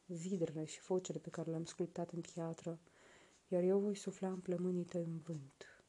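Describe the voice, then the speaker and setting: A woman voicing a gentle seal woman and loving mother who speaks in an earnest, heartfelt way. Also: on the low side, slightly rough. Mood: tender. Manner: earnest, heartfelt, tender speech.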